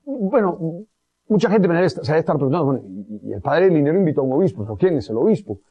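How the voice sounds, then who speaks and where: Priest host with a high, mellow voice, cordial and pastoral, on a dull lo-fi recording. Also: male voice, big pitch swings, fast talker, breathy edge. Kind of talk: religious talk show interview.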